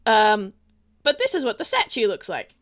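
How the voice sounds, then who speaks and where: A woman's voice: fairly high pitch, wildly swooping pitch, moderate pace, fairly bright tone. A giggly woman running a tabletop game, narrating casually as game master.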